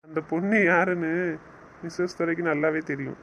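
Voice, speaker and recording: A man's voice: fairly high pitch, steady tone, fairly quick, a bit bright, a little hiss or hum, lightly acted, low-quality recording. A man playing a young newlywed husband who teases his wife and lectures her sternly in a romantic audio drama. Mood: teasing. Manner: teasing, then stern and scolding. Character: young husband, teasing yet bossy with his new wife.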